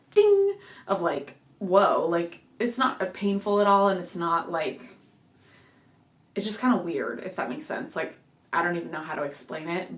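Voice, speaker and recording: A woman's voice: fairly low pitch, reverberant. Rambling, chatty young woman vlogging. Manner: rambling, chatty, many fillers. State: a little out of breath. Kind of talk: casual pregnancy update vlog. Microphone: desk microphone.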